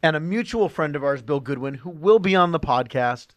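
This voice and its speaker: A man's voice: a little high, expressive, brisk. A man hosting a podcast in a casual, upbeat, chatty way, laughing often. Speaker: podcast host. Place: studio room with others.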